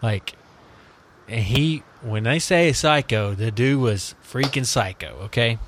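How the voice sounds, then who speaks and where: A man's voice: mid-range voice, measured pace, a bit bright, slight background noise. A man hosting a casual podcast chat, rambling and joking, often laughing mid-sentence. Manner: rambling, jokey, laughs a lot. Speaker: host.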